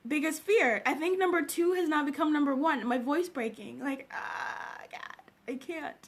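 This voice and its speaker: A woman from Zambia, high-voiced with a fairly bright tone, has just woken up and is hosting a livestream. The chat with her viewers is casual, full of greetings by name and frequent laughter.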